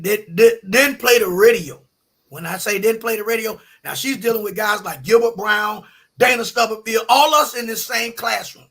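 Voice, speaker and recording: A middle-aged man telling a story in a colloquial, animated way, often acting out the people he quotes. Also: sits high, slightly rough. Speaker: podcast guest. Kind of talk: casual storytelling.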